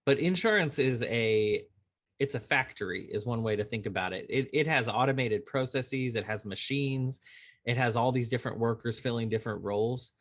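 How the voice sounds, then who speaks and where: Male attorney guest, conversational, animated storyteller, mid-range voice. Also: mid-range voice, normal speed. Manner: animated storyteller who acts out quoted dialogue. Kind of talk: conversational podcast interview.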